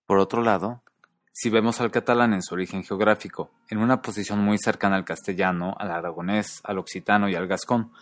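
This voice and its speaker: Low-voiced man narrating a language lesson. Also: steady tone, no echo. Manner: measured, slows to pronounce example words. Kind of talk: scripted educational narration.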